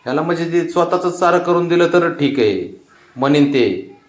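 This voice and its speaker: A man with a Marathi accent speaks in a slightly raised voice to his pet cat, coaxing it to get up and gently scolding its sulks. He slips into baby talk. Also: a little high, lively intonation, moderate pace.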